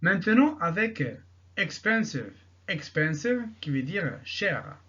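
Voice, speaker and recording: A man teaching an English grammar lesson, repeating each example sentence slowly and answering his own questions. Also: on the high side, very animated, bright, forceful tone, dull audio.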